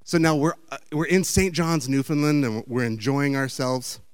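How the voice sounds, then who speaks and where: Chatty man, smooth voice. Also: medium pitch, fairly even intonation, normal speed, no echo. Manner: chatty, meandering, playful. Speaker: speaker giving a talk. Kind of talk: rambling storytelling talk with slides.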